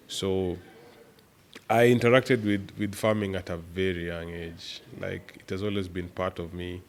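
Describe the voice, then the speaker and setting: A man from Kenya, a guest on a podcast, telling stories about growing up on a farm in a relaxed, animated way, with laughs along the way. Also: deep voice, slight background noise. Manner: animated storyteller who laughs while telling anecdotes. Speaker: podcast guest, startup executive. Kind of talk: relaxed storytelling interview.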